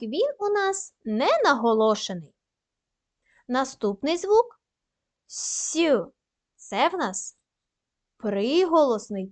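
Female primary teacher, high animated voice, unhurried dictation with plenty of praise. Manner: slow, careful dictation with frequent praise. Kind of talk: recorded lesson for young pupils.

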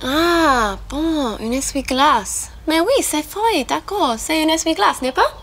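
A woman's voice: high voice, animated, measured pace, background noise. An actress playing a sarcastic, playful teenage girl in a sitcom. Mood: teasing. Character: cheeky teenage girl learning to drive. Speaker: sitcom daughter. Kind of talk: sitcom acting.

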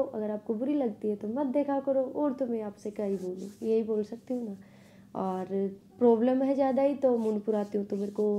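Young woman vlogger, warm dark tone, earnest and repetitive. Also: a little high. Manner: earnest, pleading, repeats phrases. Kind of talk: casual direct-to-camera vlog.

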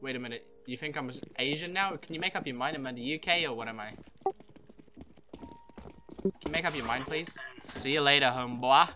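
A man's voice: a little high, fairly quick, long pauses, noisy background. A man trash-talking his teammates in game voice chat, crude and mocking. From not from the UK. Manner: taunting, crude and loud when laughing. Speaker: gamer in team voice chat.

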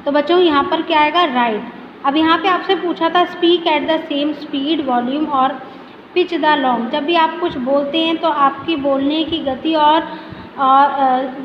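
A high-voiced woman teacher talks young pupils through a revision lesson. She poses questions and answers them herself. The audio is dull and lo-fi, with a long echo and faint hiss behind her. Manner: explains each point in Hindi, often asks the class questions and answers them herself. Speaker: school teacher. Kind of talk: recorded revision lesson for children. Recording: echoey room, dull lo-fi audio with faint noise.

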